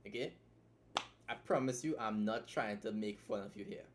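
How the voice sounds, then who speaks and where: A man's voice: fairly low pitch, normal speed, background noise. A man live-streaming a critique of someone's story, talking bluntly with lots of swearing, rambling and restarting his sentences.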